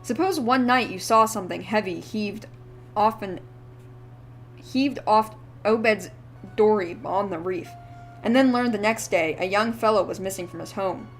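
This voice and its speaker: A woman's voice: mid-range voice, measured pace, close to an everyday voice. A woman voicing a wheezy, ranting old drunk man who rambles feverishly in rustic old-timer speech. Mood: rambling. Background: faint background music.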